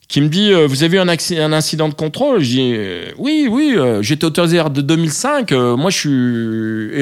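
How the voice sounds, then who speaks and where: A man's voice: mid-range voice, vocal fry. A man telling a story from his flying days, hesitant, with many fillers and restarts, acting out radio calls. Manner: acts out radio calls in English. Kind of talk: casual anecdote.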